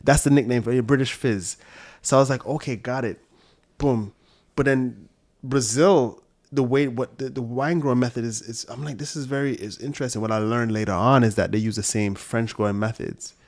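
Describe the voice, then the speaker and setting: A man's voice: medium pitch, steady tone, moderate pace, a little mellow. Casting: New man, interview guest, loose and profane storyteller with restarts. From Brooklyn, New York and Jamaica. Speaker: podcast guest, sommelier. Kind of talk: casual interview chat.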